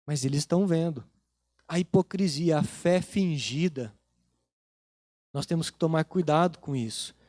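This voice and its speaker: A Brazilian-accented male pastor with a rather high voice, preaching in a church. He tells his sermon like a casual story, recounting family conversations. The sound is close and dry, with little room echo. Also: normal speed, pauses often, a little mellow.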